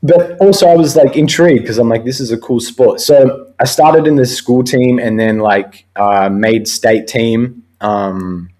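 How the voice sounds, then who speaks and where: A man's voice: mid-range voice, measured pace, hardly any pauses, a little mellow, poor audio. Chill young aussie guy hosting, chatty, laughs a lot, mid voice. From Australia. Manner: laid-back, chatty, laughs often. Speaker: host. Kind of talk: casual chat.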